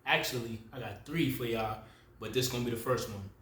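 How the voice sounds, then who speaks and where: A man's voice: mid-range voice, fairly quick, fairly bright tone, echoey room. A man, talking casually and rambling to the camera as a spiritual video creator. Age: 30s. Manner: loose, rambling, self-correcting, slangy and familiar.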